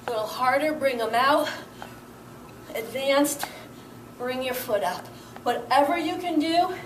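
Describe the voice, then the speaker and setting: A woman's voice: sits high, echoey room, far from the mic, a little hiss or hum, poor audio. A young woman leading a workout as fitness instructor, upbeat and encouraging, counting reps and a little out of breath.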